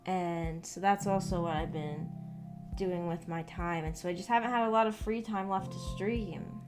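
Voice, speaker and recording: With a steady, lowish voice at a moderate pace, a young adult woman makes casual conversation on a live stream. She wanders and hesitates, trailing off partway through thoughts, while guitar music plays.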